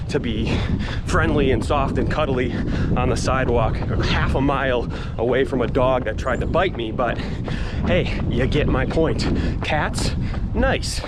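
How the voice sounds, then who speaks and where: A man chatting casually to camera as a self-deprecating, joking vlog host while jogging outdoors. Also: medium pitch. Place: outdoors on suburban streets and paths. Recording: noisy outdoor street recording with traffic.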